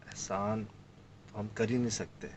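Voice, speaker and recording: Against a noisy background, a fairly low-pitched man from Sindh, Pakistan, tells a story in casual conversation. He's a guest describing a field trip, and he animatedly performs the lines spoken by the people in it.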